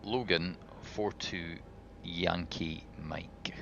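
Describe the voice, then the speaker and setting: Man on a pilot cockpit headset, very deep gravelly voice, dull lo-fi mic, steady noise behind. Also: extremely slow. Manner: methodical checklist callouts. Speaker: pilot in a flight simulator.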